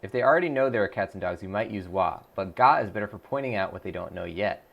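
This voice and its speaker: Through dull audio, a man with a lowish, creaky voice chats quickly and with lively intonation on a live stream while practicing a language app. He thinks aloud with lots of fillers and restarts, reading viewer messages out loud and responding to them.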